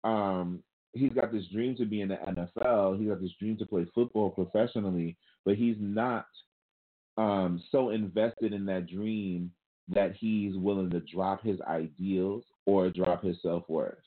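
A man with a very low voice talks through his argument in a measured way and keeps putting rhetorical questions to the listener. The audio is thin and narrow, as if it came through a phone line. It sounds like casual talk-show commentary. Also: steady tone. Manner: deliberate, asks rhetorical questions. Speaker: podcast co-host. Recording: tinny phone-like call audio.

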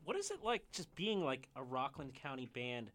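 A man's voice: medium pitch, very animated, moderate pace, fairly bright tone. A man interviewing a band, asking casual, loosely phrased questions.

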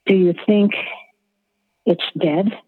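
A woman voicing a panicky young female veterinary student, shrill and frantic, later tearful, over a tinny line with long reverb. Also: takes it slowly, slightly rough.

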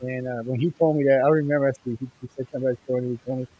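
A male host rattles through a casual, joking chat at a quick clip. His audio is muffled and bass-only, as if the mic has dropped out of the treble. He repeats himself as he talks. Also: steady tone, mellow. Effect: muffled mic, only bass comes through. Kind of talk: casual live-stream chat. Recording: muffled, bassy online stream audio.

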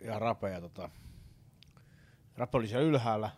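A man in casual podcast talk, blunt and dry, telling a crude workplace joke with many hesitant pauses. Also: fairly low pitch, darkish tone. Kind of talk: casual chat.

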